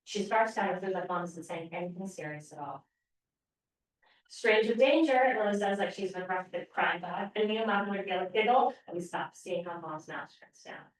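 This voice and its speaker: A woman author reading aloud from her own novel at a library event, expressive and with brief hesitations. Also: on the low side, a little fast, few pauses. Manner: expressive first-person reading, brief hesitations between parts. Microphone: podium microphone. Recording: very echoey room, voice far from mic.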